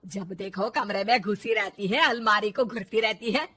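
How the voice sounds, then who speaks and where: A woman voicing a bossy middle-aged mother-in-law in a cartoon story, loud and scolding with slow sarcasm. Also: medium pitch, slightly rough. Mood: furious.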